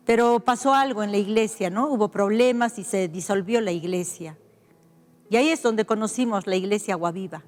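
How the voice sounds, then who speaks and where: A woman's voice: mid-range voice, big-room sound. Older Peruvian woman sharing a heartfelt testimony. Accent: Peruvian Spanish. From Peru. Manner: heartfelt, reflective, with pauses and restarts. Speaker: pastor. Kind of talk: personal testimony storytelling.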